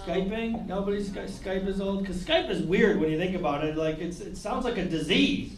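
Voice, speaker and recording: A male comedian headlines a club with storytelling stand-up, spinning loose, conversational tales and chatting with the audience. His voice sits high at normal speed, picked up by a distant mic in a roomy club with loud crowd laughter.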